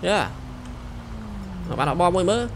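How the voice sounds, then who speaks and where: A young man giving excited gameplay commentary, shouting quick directions as he plays. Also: sits high, background noise. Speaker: gameplay streamer. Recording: voice over loud game sirens. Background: police sirens from the game.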